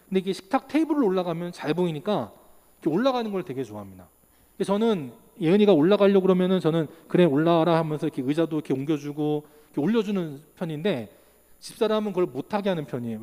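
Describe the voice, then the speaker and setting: A man in his thirties preaching a sermon as pastor, asking rhetorical questions and acting out the people in his stories. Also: a little high. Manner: animated preaching, acts out quotes, rhetorical questions. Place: church sanctuary. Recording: long reverb of a church hall.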